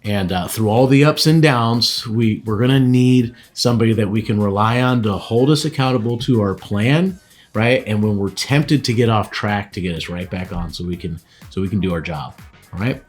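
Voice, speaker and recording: A man's voice: lowish voice, normal speed, soft background music. A man speaking to camera as a real estate team leader, giving practical advice in a conversational way and often checking in with "all right" and "right".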